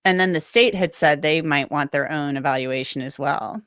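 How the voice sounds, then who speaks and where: Recovering from a cold, a woman who hosts a livestream and comments on legal matters chats her way through viewer messages, thinking aloud and restarting frequently with a slightly strained voice. It's low, a bit bright and clean, at a moderate pace, in clean studio audio with no room sound.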